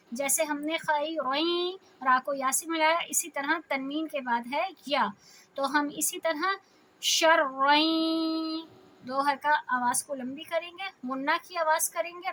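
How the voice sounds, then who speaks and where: A woman leads a tajweed reading lesson in a high, clear-toned voice. She explains each rule patiently, one step at a time. She slowly draws out the example syllables to show how they should sound. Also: pushed and bright, a little hiss or hum. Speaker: Quran teacher.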